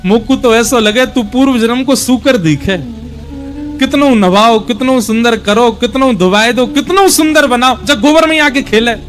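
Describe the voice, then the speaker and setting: Man doing mother Yashoda, Braj accent, scolding, affectionate, high-pitched. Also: moderate pace, faint music behind.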